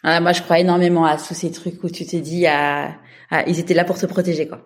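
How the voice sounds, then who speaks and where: A man's voice: a little high, little pitch movement, brisk. A man hosting a podcast, chatting casually and asking his guest short questions. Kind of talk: casual interview chat.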